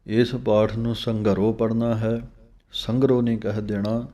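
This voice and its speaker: A man teaching scripture recitation. He chants verses slowly with pauses and gives plain spoken instructions on pronunciation. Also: on the low side, level tone, warm tone.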